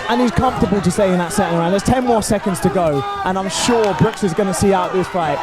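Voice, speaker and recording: A man's voice: high voice, fast. A man analysing a live fight as co-commentator, explaining each move emphatically. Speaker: expert co-commentator. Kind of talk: live combat sport analysis. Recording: music and crowd noise behind. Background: arena crowd and music.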